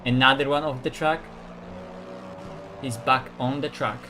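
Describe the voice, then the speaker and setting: A man's voice: medium pitch, fairly even intonation, sharp tone, a little hiss or hum. A man streaming a sim race, joking with teammates over voice chat and calling out hazards. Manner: joking, quick spotter calls. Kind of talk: casual team voice chat during a race.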